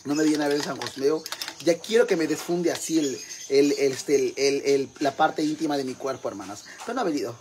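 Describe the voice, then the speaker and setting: Someone putting on a loud crude mexican mom, mexican accent, rambling gossip to the sisters, bit of hiss. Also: medium pitch, brisk, close to an everyday voice. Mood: brash gossip. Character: crude brash Mexican mother, gossipy, boastful. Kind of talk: comic monologue in character.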